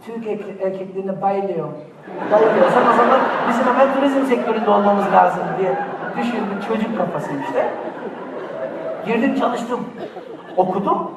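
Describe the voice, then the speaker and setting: A man performing animated stand-up comedy, slipping into mock voices and shouts, heard on a bootleg recording from a large theater audience. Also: sits high, moderate pace. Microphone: bootleg recording from the audience, far from the stage. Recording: echoey, distant bootleg theater recording with crowd noise.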